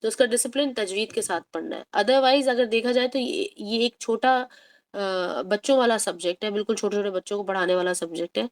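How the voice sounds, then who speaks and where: A woman teaching a tajweed lesson, explaining patiently, mixing in English words and drawing out recited words slowly to demonstrate. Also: mid-range voice. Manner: mixes English words into her talk.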